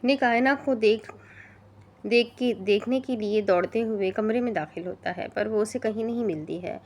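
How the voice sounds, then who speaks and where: A woman hosting her channel and reading a romance novel aloud in a steady storytelling manner. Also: mid-range voice. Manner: steady storytelling with small restarts. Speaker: audiobook narrator.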